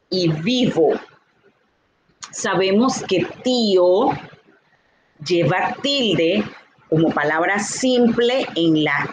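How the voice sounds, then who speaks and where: A woman teaching a Spanish grammar lesson, talking slowly and deliberately and repeating key points. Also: medium pitch, muffled recording, slight background noise. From Dominican Republic.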